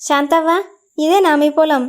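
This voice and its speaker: Woman playing village labourer woman, Telangana accent, apologetic, high voice. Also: steady tone, normal speed, darkish tone, close to an everyday voice. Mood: explaining. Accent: Telangana Telugu.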